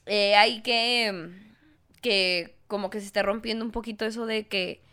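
A woman's voice: mid-range voice, fairly even intonation, a little slow, clear, resonant tone. A young woman with a Mexican accent, co-hosting a casual chat in a teasing, crude way. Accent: Mexican Spanish. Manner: teasing, crude, laughs loudly. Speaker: podcast co-host.

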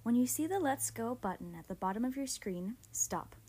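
A woman reading aloud gives voice to an excited teenage girl rounding up her friends for a game. She sounds a little high and mellow, quick and bossy with barely held-in glee. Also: breathy edge. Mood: eager.

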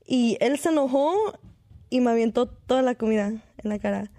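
A woman's voice: fairly high pitch, moderate pace, warm tone, dry recording. Chatty woman mixing in English. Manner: mixes English into Spanish, many fillers. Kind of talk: casual group chat.

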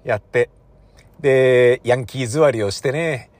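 A man's voice: mid-range voice, a little slow, a little mellow, no echo. A man in the entertainment business giving a rambling, self-mocking rant in a casual solo monologue.

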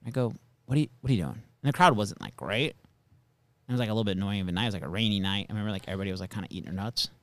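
A man's voice: on the low side, very fast, fairly bright tone, dry recording. A man, a stand-up comedian, telling stories in a rambling casual chat full of fillers. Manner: rambling, filler-heavy storytelling.

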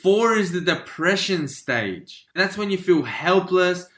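A man hosting a motivational podcast, energetic, often tagging lines with "right?" and acting out quoted feelings. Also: high voice, slow pace, echoey room. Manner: energetic, repeats "right?" and "you know". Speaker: podcast host, life coach. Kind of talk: motivational talk.

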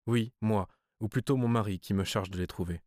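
A man's voice: on the low side, darkish tone, no room sound, studio quality, natural voice. A man reading an audiobook voices a distraught woman who pleads and stammers through tears, caught under a hypnotic command. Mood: uneasy. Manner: tearful, pleading, halting.

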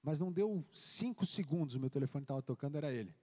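A man's voice: fairly high pitch, fast. A man, a pastor, telling his testimony in a church service, acting out the dialogue as he tells it. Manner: animated storytelling, acting out dialogue. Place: church hall. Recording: long church hall reverb.

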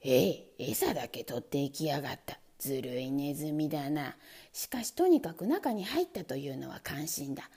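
A red-faced, hot-tempered grown man from a storybook, growling his words far below a normal speaking voice, as a woman puts him on. The voice stays mellow and dark under the gruffness. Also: big pitch swings, normal speed, heavily acted. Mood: grumbling. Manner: growling, grumbling low voice.

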